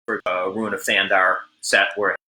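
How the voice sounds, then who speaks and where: A man on a video call whose audio keeps stuttering and dropping out from a bad connection. He talks haltingly and repeats words as the sound cuts. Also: low voice, flat delivery, sharp tone. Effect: choppy buffering audio over a bad internet link. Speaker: game designer guest. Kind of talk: live-stream Q&A.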